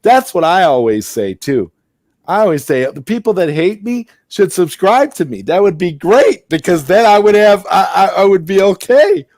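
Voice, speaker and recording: A man's voice: high-pitched, sing-song, normal speed, darkish tone, no echo, studio quality. Man rambling on a live stream. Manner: rambling, repeats words and restarts often. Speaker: host. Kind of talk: casual live-stream chat. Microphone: headset.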